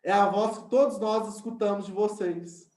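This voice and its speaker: A man's voice: sits high, fairly even intonation, moderate pace, darkish tone, reverberant. A male science teacher, giving an online class and explaining step by step while often checking in with his students.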